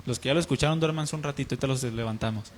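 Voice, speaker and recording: A man's voice: mid-range voice, very fast, a little hiss or hum. A man preaching a sermon, earnestly telling a personal testimony and acting out the dialogue in it. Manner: earnest, acts out dialogue in his story.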